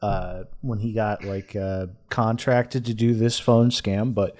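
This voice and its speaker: A man's voice: lowish voice, fairly even intonation, takes it slowly, a little mellow. A man from the United States co-hosting a podcast, talking loosely with restarts and casual swearing. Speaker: podcast co-host. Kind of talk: casual chat.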